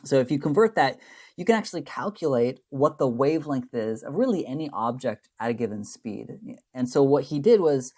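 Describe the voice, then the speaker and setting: Brisk, animated, and warm, this mid-range male voice belongs to a chemistry instructor giving a recorded lecture. He rambles through the slides, regularly tossing in tag questions and revising sentences as he goes. The math gets played down.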